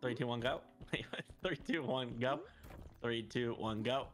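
A man's voice: mid-range voice, unhurried. A man playing a co-op game with a friend, teasing and laughing as he plays. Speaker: co-op partner. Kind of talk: casual gaming chat.

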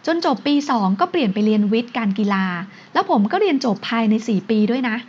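A woman's voice: fairly high pitch, expressive, darkish tone, husky. Woman doing a wheedling young husband. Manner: coaxing, drawn-out pleading. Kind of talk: audiobook character voice. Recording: dull lo-fi recording.

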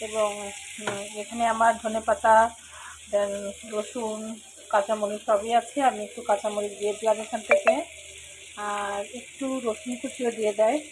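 A woman with a hoarse voice, casually talking viewers through her cooking step by step as host of a cooking channel. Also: mid-range voice, level tone, moderate pace, long pauses. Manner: talks viewers through each step, mixing in English words. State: hoarse, throat trouble. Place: home kitchen. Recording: sizzling pan noise behind.

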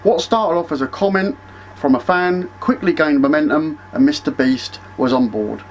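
An upbeat man introduces himself and reads a script aloud steadily. His voice sits a bit high. A faint background noise hangs under the recording. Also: moderate pace. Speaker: guest tech youtuber.

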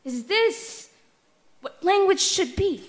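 With an extremely high, expressive voice, a young woman performs spoken word at a stand microphone inside a wood-paneled hall. She keeps a rhythmic, emphatic delivery and repeats words in deliberate stammers.

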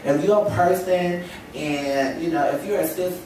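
A young woman with a stuffy cold speaks emphatically on a lecture-hall panel into a table stand mic, her voice lowish, dark and measured, with a slight hiss or hum. Her impassioned talk is rhetorical and full of "you know," and the echoey hall makes the mic sound far away.

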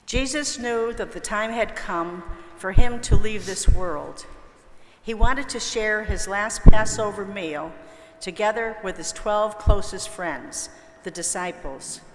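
A woman's voice: mid-range voice, slow, slight background noise. Woman telling a children's Bible story. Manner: clear, gentle storytelling for children. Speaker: children's story reader in church. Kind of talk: scripted story narration. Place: church sanctuary. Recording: echoey church with long reverb.

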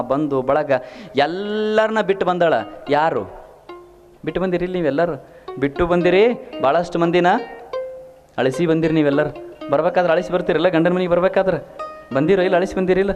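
A male preacher with a North Karnataka Kannada accent tells a funny family story as a sermon. His voice sits high for a man. He keeps turning to the listeners to ask whether they are following. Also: muffled recording.

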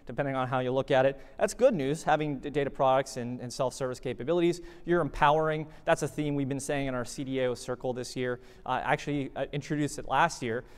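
A man's voice: medium pitch, fast talker, few pauses, clear, resonant tone. Man presenting in a reverberant hall. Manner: conversational, animated, frequent fillers. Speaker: conference presenter. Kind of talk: conference talk. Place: conference hall.

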